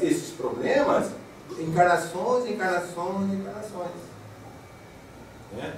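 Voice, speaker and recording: A Brazilian man with a somewhat high voice delivers a chatty spiritist lecture and leans on rhetorical questions. He is picked up from across the room. A strong echo fills the hall, with faint noise underneath. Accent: Brazilian Portuguese. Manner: conversational, frequent rhetorical "né?". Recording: echoey hall mic heard from a distance.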